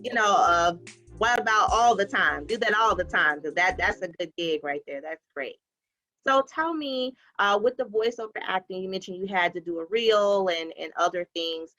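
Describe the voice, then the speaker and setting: A woman's voice: medium pitch, lively intonation, normal speed, sharp tone, soft background music, poor audio. A woman hosting an interview who speaks in an encouraging way and often repeats herself. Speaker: interview host. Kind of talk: casual interview talk.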